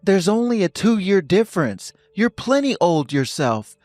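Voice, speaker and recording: A man's voice: sits high, sing-song, a little slow, a little mellow, no echo, soft background music. A man playing a cold, lecturing husband. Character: stern husband ending a toxic marriage.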